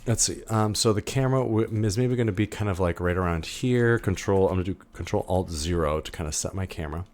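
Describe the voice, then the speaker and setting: A man instructor giving a casual screen-recorded software tutorial, thinking aloud with many fillers and restarts. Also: low voice, quick pace.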